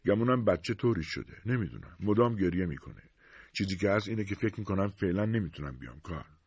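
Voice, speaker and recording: A man's voice: low voice, expressive, a little mellow, husky, no room sound, highs cut off, exaggerated voice. A man voicing a hesitant, subdued young husband torn between family and a friend, in an audiobook reading.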